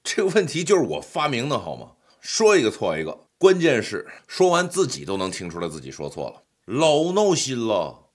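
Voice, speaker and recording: A man's voice: mid-range voice, wildly swooping pitch, a little fast, hardly any pauses, slightly rough. A middle-aged man narrating a pronunciation lesson, joking with the viewer in playful asides. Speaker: English pronunciation teacher. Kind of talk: scripted lesson voice-over.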